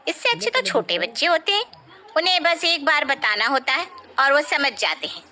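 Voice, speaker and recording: A woman's voice: high voice, sing-song, moderate pace, slight background noise, heavily acted. A woman voicing a nosy, taunting middle-aged neighbour woman in a cartoon story. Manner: sharp-tongued and taunting.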